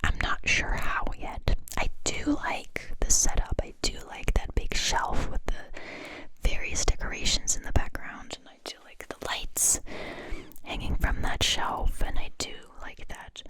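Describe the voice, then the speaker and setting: Woman in a close, breathy ASMR whisper. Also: measured pace. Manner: soft close-up whispering, ear to ear. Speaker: ASMR video creator and host. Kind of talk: ASMR whispered casual chat to viewers. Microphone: close-up microphone, ear to ear.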